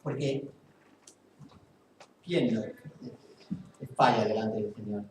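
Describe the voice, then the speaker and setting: Echoey sermon from a Spanish pastor. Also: male voice, on the low side, takes it slowly, a little hiss or hum. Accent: Spain Spanish. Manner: repeats phrases for emphasis, earnest preaching. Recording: very echoey hall, mic far off.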